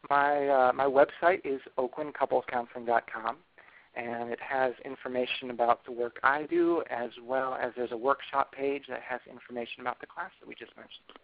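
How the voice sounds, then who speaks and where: A man speaking over a thin, phone-like line in an even middle register. He explains patiently as a counselor would, often pausing to ask the listener whether they follow. The sound is narrow and tinny. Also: mid-range voice, dry recording. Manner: explanatory, checks in with frequent tag questions. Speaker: couples counselor and workshop leader. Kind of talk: explaining on a call.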